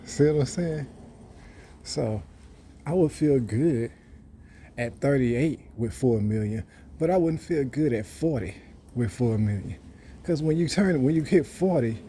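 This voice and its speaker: Thirty-something guy, rambling and bragging, real dark mellow voice. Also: mid-range voice, lively intonation, unhurried, pauses often, a little hiss or hum. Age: 30s. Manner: rambling, boastful, repeats himself. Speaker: vlogger. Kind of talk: casual monologue.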